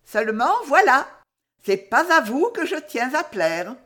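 Lady doing a playful teasing young woman, lively and high, audiobook. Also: unhurried, full character voice. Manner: teasing, playful, mock-exasperated. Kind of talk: dramatized audiobook reading.

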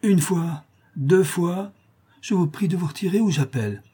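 A man's voice: high-pitched, unhurried, warm tone, slightly rough, voice pushed up. A man voicing a frightened middle-aged mother who pleads and soothes. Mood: pleading. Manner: pleading, anxious.

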